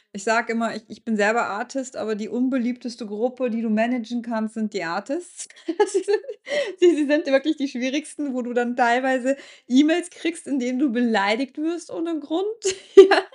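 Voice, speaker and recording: A woman's voice: a little high, moderate pace, darkish tone. A woman who is an artist and event organizer, speaking candidly in a casual podcast chat. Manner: candid, laughs easily, restarts often.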